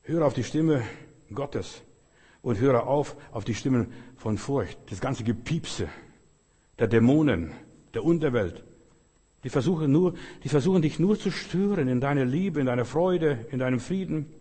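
A man's voice: medium pitch, animated, moderate pace, mellow, husky, big-room sound. A man preaching a sermon with emphasis, repeating his phrases and quoting scripture. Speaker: pastor.

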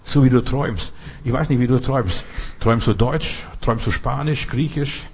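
A man's voice: medium pitch, normal speed, a little mellow, a little hiss or hum. A man preaching a sermon in German, which he learned as an adult, with earnest repetition and rhetorical questions. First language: not German.

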